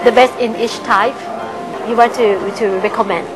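A woman's voice: on the high side, fairly even intonation, moderate pace, rough recording. A woman in her thirties interviewing a chef in a restaurant, friendly and searching for her words in English. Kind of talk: interview questions. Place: restaurant dining room. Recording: music playing loudly behind.

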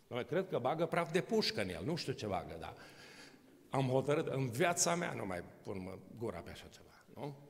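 This sermon comes from a pastor in his sixties at a church podium, his voice mid-range and a little mellow. He talks in a conversational manner, frequently asking rhetorical questions and slipping in humor, while the podium mic captures the large hall's long reverb.

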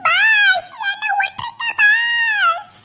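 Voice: very high-pitched, big pitch swings, drawn-out words, loud music behind the voice, exaggerated voice. A voice artist playing a timid, naive male henchman in a cartoon who whines and pleads with his boss. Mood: pleading. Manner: whining, pleading. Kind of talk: cartoon voice acting.

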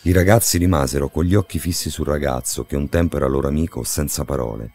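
A man narrating an audiobook with an extremely low, deep voice. He tells the story in a measured, dramatic way. Soft music plays faintly behind him. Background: faint background music.

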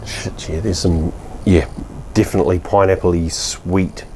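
A man's voice: deep voice, fairly even intonation, a little slow, dark tone, a little hiss or hum. A man in his fifties with a New Zealand accent, casually reviewing a beer at his outdoor home bar in a blunt, rambling way. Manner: laid-back, blunt, rambling with fillers and mild swearing.

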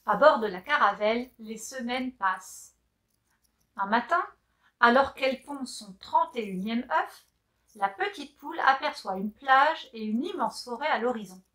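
A woman reading a children's picture book aloud, gentle and expressive, talking to a young listener. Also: on the high side, unhurried. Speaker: story reader.

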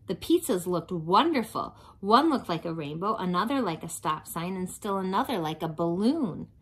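A woman reading a picture book aloud to children in an expressive storytelling style. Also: fairly low pitch, moderate pace, a little hiss or hum. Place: small home playroom, indoors.

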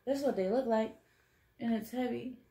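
A woman's voice: on the high side, normal speed, reverberant, heavy background noise. A woman hosting a casual snack-tasting vlog, nervous and exclaiming often. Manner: nervous, lots of "oh no" and "oh God". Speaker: channel host.

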